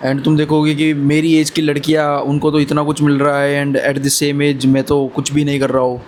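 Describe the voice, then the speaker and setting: A man's voice: a little high, completely flat delivery, normal speed, a little hiss or hum. A man in his twenties giving earnest, brotherly motivational advice in a casual talk to camera. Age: 20s. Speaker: vlogger.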